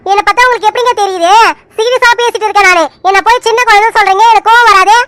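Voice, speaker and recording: A woman voicing Poomari, a playful and quick-tempered young village woman in an animated serial, who argues in rapid, indignant bursts. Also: very high voice, a little hiss or hum. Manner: indignant, rapid back-and-forth arguing. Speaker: cartoon character.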